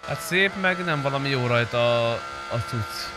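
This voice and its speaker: A young adult man chats casually and swears freely while streaming a roleplay game. His medium-pitched voice is expressive, and car engine noise is clearly audible behind him.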